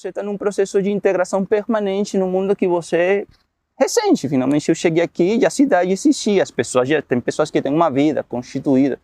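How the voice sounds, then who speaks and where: A man with a somewhat high voice speaks in a documentary interview about refugee work at a university. He reasons aloud in a measured, reflective way, recorded dry and close with no room sound. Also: mellow, no echo. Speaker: university refugee program worker.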